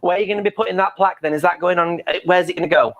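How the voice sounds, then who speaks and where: A man's voice: high voice, fairly even intonation, very fast, creaky, a bit bright, lo-fi sound. A man hosting an interview in a playful, teasing, camp manner. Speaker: host. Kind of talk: casual interview chat.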